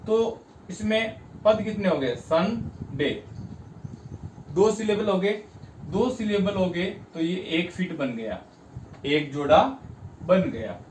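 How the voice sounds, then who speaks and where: A man from India teaching an English class, breaking words into syllables and stressing each one slowly. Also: sits high, animated, a little mellow. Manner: slow, spells out syllables with stress. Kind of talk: classroom lesson. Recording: roomy, distant mic, faint background noise.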